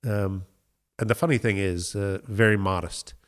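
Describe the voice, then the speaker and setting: A middle-aged man from the United States, talking as a winemaker guest in a relaxed interview, thoughtful and enthusiastic with frequent fillers. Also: on the low side, normal speed.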